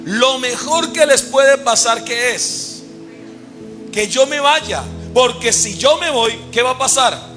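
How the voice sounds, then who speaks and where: A pastor preaches a sermon from the pulpit during a church service, his voice high and ringing, his pace slow, with clear music behind him. He keeps throwing questions at the congregation and has them finish his sentences, swinging from loud emphasis to low, quiet asides.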